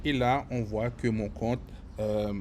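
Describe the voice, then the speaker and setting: Stammering man teaching software. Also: medium pitch, fairly even intonation, takes it slowly, a little hiss or hum. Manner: stammering repetitions, many fillers. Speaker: software tutorial instructor. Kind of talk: screen-recorded software lesson.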